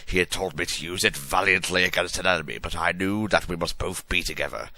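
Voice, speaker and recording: A man's voice: sits low, brisk, pushed and bright. A man giving a comic dramatic reading of a story in a hammy, theatrical stage-actor manner with exaggerated emphasis. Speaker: reader of a fan fiction story.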